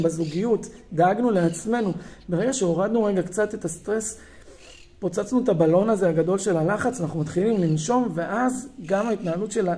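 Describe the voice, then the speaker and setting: A man coaching a parents' group in a recorded lesson. He talks straight to the parents, acts out everyday scenes and keeps asking if they understand. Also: high-pitched. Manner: animated, acts out scenes, often asks "you understand?".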